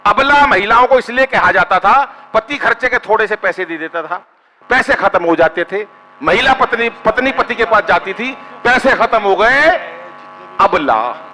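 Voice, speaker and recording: A high, bright-voiced man performs stand-up comic poetry into a stage microphone. He banters with the crowd, teases people in the seats and keeps asking for claps. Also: moderate pace, long reverb tail, a little hiss or hum. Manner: bantering with the audience, asks for applause. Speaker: stand-up poet. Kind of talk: kavi sammelan comic poetry.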